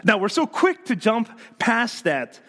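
A male pastor preaching a sermon in an animated, emphatic way, acting out the voices of the people he quotes. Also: high-pitched, unhurried, gravelly.

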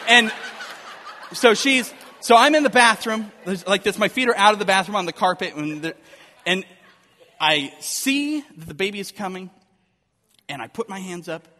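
A man in his thirties telling a personal story to an audience, animated and self-deprecating. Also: sits high, big-room sound.

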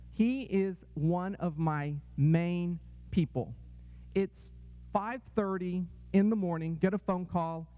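A man speaking to a congregation, telling a personal story and checking in with "right?" and "okay?". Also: fairly high pitch. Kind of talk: testimony talk to a congregation. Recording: dull, echoey hall sound.

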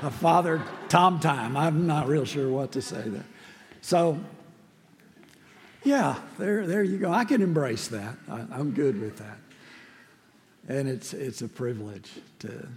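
A man with a raspy, gravelly voice preaching a sermon as a church minister, in a reflective, halting way. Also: mid-range voice, a little hiss or hum. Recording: long hall reverb.

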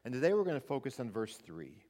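With a mellow, mid-range voice, this pastor preaches fast and very animatedly into a pulpit microphone, keeping it conversational and frequently starting over. His sermon echoes with the long reverb of the church hall.

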